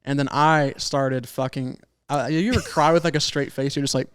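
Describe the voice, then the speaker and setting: A man's voice: medium pitch, fairly even intonation, normal speed, fairly bright tone, clear, resonant tone, no room sound, studio quality. A young man co-hosting a podcast, telling stories in an emotional, slangy, casual way. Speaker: podcast co-host.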